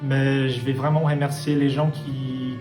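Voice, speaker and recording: A man's voice: mid-range voice, level tone, a little slow, a little mellow. A Brazilian jazz musician, a man, answering interview questions thoughtfully, with frequent hesitations and restarts. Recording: echoey room with faint music.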